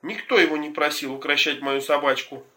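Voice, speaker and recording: A man voicing an indignant fashionable lady who scolds in a high, shrill voice. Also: fairly even intonation, a little fast, bright, forceful tone. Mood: haughty scolding.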